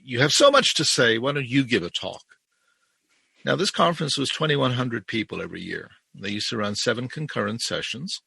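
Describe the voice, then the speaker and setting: An older man from South Africa speaks as an interview guest, his voice gravelly and bright yet a little husky. He tells stories in a wry, matter-of-fact way. The sound is dry and close. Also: medium pitch, no room sound. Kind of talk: conversational interview.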